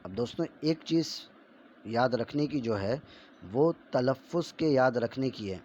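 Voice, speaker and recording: Male teacher; slow, loud, drawn-out syllable drills, faster and quieter when explaining; dull lo-fi recording. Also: medium pitch, slight background noise. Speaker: Quran reading teacher.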